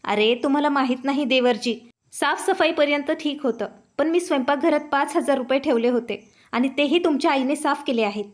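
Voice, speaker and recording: A woman voicing a harsh, sharp-tongued young wife who accuses loudly. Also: high-pitched, fairly quick, close to an everyday voice. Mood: accusing. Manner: loud, accusing.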